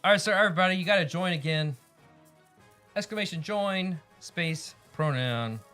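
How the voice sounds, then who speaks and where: A man's voice: sits high, normal speed, bright, forceful tone. Man hosting a casual game stream. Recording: music behind the voice.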